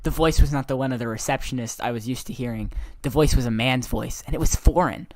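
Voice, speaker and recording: A man's voice: medium pitch, fast talker, very noisy. Giggling man reading his own story. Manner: giggly, breaks into laughter while reading. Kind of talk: reading a story aloud with commentary.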